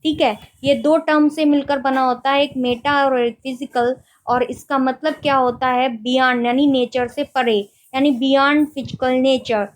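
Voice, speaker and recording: A woman with a high voice teaches literary terms for an exam at an unhurried pace. She reads each definition slowly, then goes over it again with quick questions. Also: flat delivery, low-quality recording. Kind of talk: exam-prep lecture in Hindi and English.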